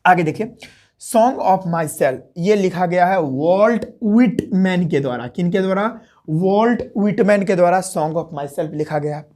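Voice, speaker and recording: Guy teaching exam tricks quietly at home, asks himself stuff then answers it. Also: high voice, moderate pace. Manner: speaks softly to keep from waking others. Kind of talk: exam memory-trick lesson. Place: room at home at night.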